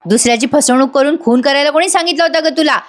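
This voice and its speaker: Brief: woman doing a curt, scolding female prison constable, higher voice. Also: fast, lightly acted. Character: harsh female jail constable.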